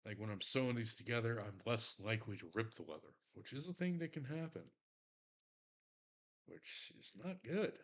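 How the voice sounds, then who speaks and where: A man's voice: medium pitch, expressive, moderate pace, a bit bright. A man with a Texan accent chatting casually while he sews leather on a stream, rambling, swearing freely and poking fun at himself. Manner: rambling, profane, self-mocking. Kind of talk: casual crafting stream chat.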